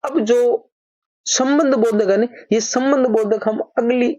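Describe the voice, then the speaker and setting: A woman teaching a grammar lesson at a measured, repetitive pace, posing a question and then answering it herself. Her voice is mellow and dark, and she slows down to read each example sentence. The recording sounds a little dull and lo-fi. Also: a little high, steady tone. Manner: explains by repeating each point as a question and answer; reads example sentences slowly, addresses viewers as brother.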